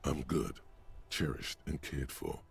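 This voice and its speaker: A man voicing a brooding, wry inner-voice narrator in a video game, speaking in a measured, poetic way. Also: very animated, no room sound, heavily acted. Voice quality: very deep gravelly voice.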